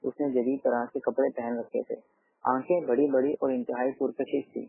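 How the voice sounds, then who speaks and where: Gravelly male audiobook narrator. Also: medium pitch, level tone. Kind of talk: first-person novel narration. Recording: tinny phone-like dry sound.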